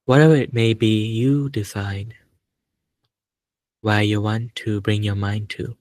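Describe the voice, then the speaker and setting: Speaking in a very even, level tone, a man with a fairly low voice leads a guided meditation. His short, calm phrases are separated by long pauses, much like a teacher offering gentle step-by-step instruction. The recording is studio quality with no echo.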